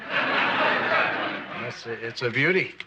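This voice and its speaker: An actor playing a dry, put-upon innkeeper and author in a 1980s sitcom, deadpan and hesitant with stammered restarts. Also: male voice, medium pitch, extremely slow. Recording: noisy old TV sitcom audio.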